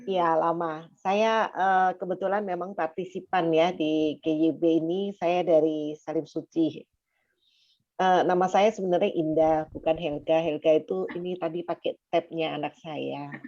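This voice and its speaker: A woman's voice: sits low, steady tone, moderate pace, mellow, no room sound, lo-fi sound. A woman in a prayer group asking a hesitant question over a video call.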